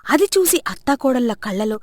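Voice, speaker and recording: A woman narrating a storybook cartoon in a steady storytelling way. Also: high-pitched, fairly quick, no echo.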